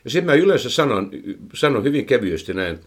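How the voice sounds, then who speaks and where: A man's voice: mid-range voice, very animated, breathy edge. A man speaking as a horse trainer, explaining his methods at length in casual chat, with frequent fillers and repeated words. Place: indoors, recorded for a microphone.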